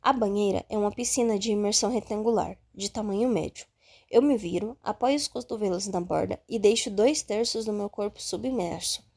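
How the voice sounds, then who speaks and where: A woman reading a first-person audiobook in a calm, steady way. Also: medium pitch, brisk. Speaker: audiobook narrator.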